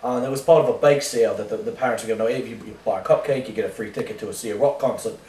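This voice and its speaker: A man playing an oblivious washed-up rock singer in a mock interview, rambling deadpan through absurd tangents. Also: on the low side, very fast, slight background noise, natural voice. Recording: roomy sound from a distant mic.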